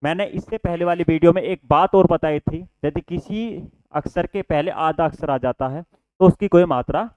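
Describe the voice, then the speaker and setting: A man with a slightly raised, smooth voice teaches a Hindi lesson step by step. He keeps quizzing his students and answering his own questions. The sound is dry and close but a little dull and lo-fi. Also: a little high, a little mellow, dry recording. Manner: explains step by step, often asks the class questions and answers them himself; addresses students as children, repeats "ठीक है". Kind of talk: online exam-prep lesson.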